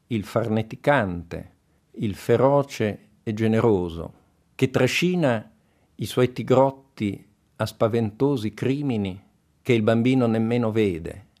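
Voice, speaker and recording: A man giving reflective literary commentary in a contemplative, deliberate way. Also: lowish voice, a little mellow.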